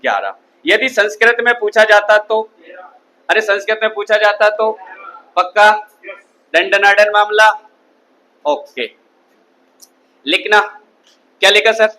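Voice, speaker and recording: A man's voice: high voice, sing-song, unhurried, pauses often, sharp tone, poor audio. A man teaching a Hindi grammar class, constantly quizzing his students with call-and-response questions. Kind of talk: classroom lecture.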